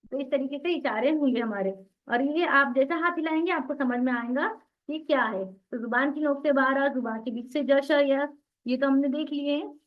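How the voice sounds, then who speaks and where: A woman teaching an online recitation class, explaining patiently, asking the class questions and repeating sounds over and over for practice. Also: sits high. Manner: asks the class questions then answers them. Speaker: Tajweed teacher. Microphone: video call. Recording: dull lo-fi online class audio.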